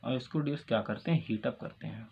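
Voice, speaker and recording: A man with a North Indian Hindi accent teaches a chemistry lesson step by step. He asks a question, then answers it himself, and his voice sits at an ordinary middle pitch. The recording is dull and lo-fi, with faint room ambience behind him. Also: fast talker, vocal fry, slight background noise. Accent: Hindi-speaking North Indian. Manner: repeats questions and answers, calls students "dears". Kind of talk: classroom lecture.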